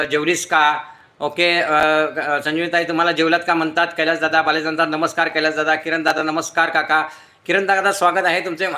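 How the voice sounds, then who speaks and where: Recorded in an echoey room by his front door, a middle-aged man with a voice on the high side runs a casual YouTube live stream from home. He reads viewer comments aloud in a chatty way, calls out each person by name, and thanks them warmly.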